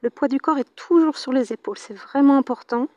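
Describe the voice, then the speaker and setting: Brief: female Pilates instructor, high voice, close dry mic, soft whispered counts. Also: a little fast, no echo, lo-fi sound. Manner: calm counting cues, breathy whispered counts. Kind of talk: guided workout instruction. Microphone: mic very close to the face.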